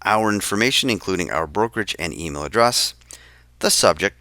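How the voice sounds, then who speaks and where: A man acting as a real estate tech trainer, walking through software step by step in a screen-share tutorial, with frequent fillers. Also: sits low, animated, a little fast, no echo.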